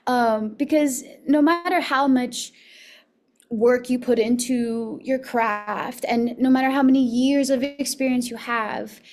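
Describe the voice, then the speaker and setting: A young actress from Miami talks casually as an interview guest, her voice sitting a little high. She chats freely, laughs often and leans on fillers like "you know what I mean.". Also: measured pace, darkish tone. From Miami, United States.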